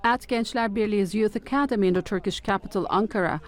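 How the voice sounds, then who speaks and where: A woman delivering a field news report in a measured broadcast manner. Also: medium pitch.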